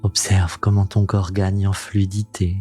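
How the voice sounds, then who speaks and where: A man leading a guided meditation in a soothing, gentle, intimate voice that sounds close to the ear, unhurried and calming, as the host of the practice. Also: sits low, soft background music. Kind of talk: slow guided meditation narration.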